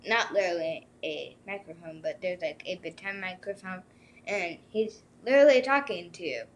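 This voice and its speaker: A woman's voice: fairly low pitch, normal speed, slight background noise. A woman co-hosting a casual travel chat, talking loosely with lots of filler words like "like" and "literally". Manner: casual, uses "like" and "literally" a lot. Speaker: co-host.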